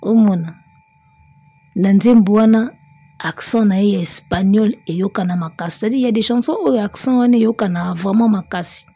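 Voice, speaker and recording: A woman gives casual, chatty music commentary, mixing French and Lingala, speaking emphatically and sometimes breaking into song. Her voice is mid-range, fairly quick, dark-toned and slightly rough, on a dry recording.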